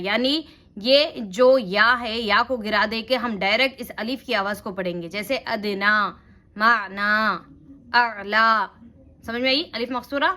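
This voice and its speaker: Slow bright-voiced woman teaching Urdu reading. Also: a little high. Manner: slow syllable-by-syllable spelling, explaining patiently. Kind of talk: spelling-out reading lesson.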